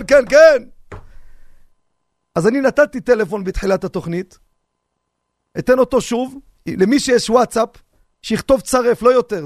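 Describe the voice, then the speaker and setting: A man, a rabbi, giving a radio sermon on the seder, animated and humorous, full of rhetorical questions. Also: very high voice, no room sound, studio quality.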